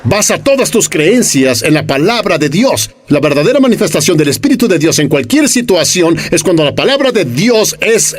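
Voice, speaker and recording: A man preaching a sermon, animated and full of rhetorical questions, sometimes acting out the voices of the people he quotes. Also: fairly high pitch.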